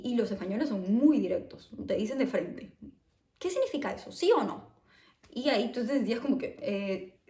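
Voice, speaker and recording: A woman's voice: mid-range voice, mellow, reverberant. A woman from Peru with a Peruvian Spanish accent, talking in a casual, reflective personal vlog and often adding "¿no?" to her phrases. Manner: chatty, reflective, tags phrases with "¿no?". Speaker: vlogger.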